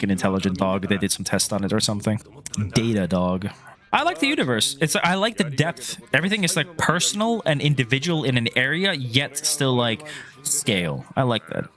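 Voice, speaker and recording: A man's voice: fairly low pitch, fairly bright tone. A man with a Finnish accent chatting casually while reacting to an anime episode, rambling, swearing and laughing at himself. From Finland. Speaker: reaction channel host.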